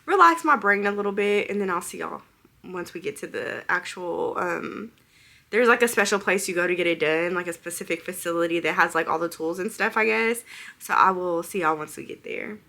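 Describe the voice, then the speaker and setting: A woman's voice: on the low side, animated, a little fast, creaky, pushed and bright. A young woman vlogging casually into a handheld phone, chatty and nervous, laughing through her anxiety. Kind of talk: casual vlog to camera. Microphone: handheld phone camera.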